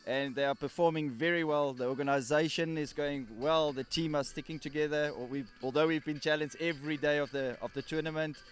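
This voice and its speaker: Male official, earnest, stumbling over words, slightly high voice. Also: fairly even intonation, fairly quick, few pauses, clear, resonant tone. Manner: earnest, restarts and repeats words. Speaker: tournament director. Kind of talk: interview answers. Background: faint music.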